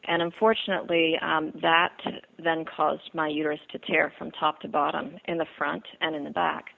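Heard through a phone line, this low-pitched woman from the Bahamas speaks flatly with vocal fry. As an interview guest telling her personal story, she sounds earnest, halting often with fillers and repetitions.

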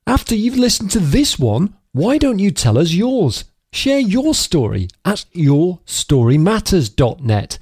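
An announcer reading a scripted show introduction in a slow, sing-song delivery. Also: medium pitch, very animated, a little mellow, husky, dry recording, studio quality.

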